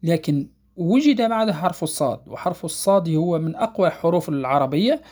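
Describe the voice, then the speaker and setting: A woman's voice: lowish voice, animated, dark tone, slightly rough. Patient woman teaching Quran recitation rules. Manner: patient, repeats points and checks understanding; recites verses slowly and melodically. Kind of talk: tajweed lesson explaining rules.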